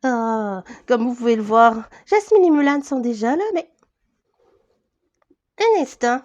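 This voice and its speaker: A woman's voice: a little high, a little slow, darkish tone, lo-fi sound, lightly acted. A woman voicing a bossy princess hostess. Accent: Québec French. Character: bossy fussy princess hostess, self-important organizer. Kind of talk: toy role-play storytelling.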